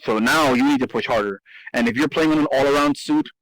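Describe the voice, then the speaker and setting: A man's voice: mid-range voice, fast, a bit bright, dry recording, poor audio. Man explaining game strategy at length. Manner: explanatory, repeats himself, emphatic. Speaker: host. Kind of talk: casual gaming strategy discussion.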